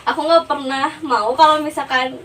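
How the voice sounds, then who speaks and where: A woman's voice: high voice, fairly even intonation, normal speed, a bit bright. A young woman with a Sundanese-influenced Indonesian accent, chatting casually as a guest and often checking that she is understood. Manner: chatty, keeps asking "ngerti gak?". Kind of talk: casual chat. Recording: distant mic, faint background noise.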